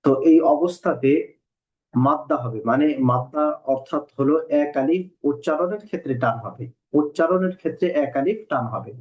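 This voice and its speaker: Male teacher, slightly high voice, patient, spells letters out slowly, muffled lo-fi recording. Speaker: Quran reading teacher. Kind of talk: recorded online lesson. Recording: dull lo-fi recording.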